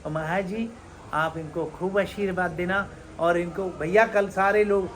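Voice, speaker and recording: A man's voice: high voice, steady tone, moderate pace. A man giving an earnest devotional talk as a spiritual teacher, urging listeners and repeating his points for emphasis. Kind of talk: devotional talk at a religious gathering. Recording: noisy live recording with ambience.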